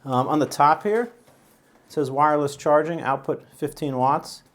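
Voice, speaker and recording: A man's voice: fairly high pitch, fairly even intonation, normal speed. A man hosting his own channel, talking casually through an unboxing and review with lots of fillers, restarts and asides. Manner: rambling, chatty, many fillers and restarts. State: out of breath. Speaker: YouTube channel host.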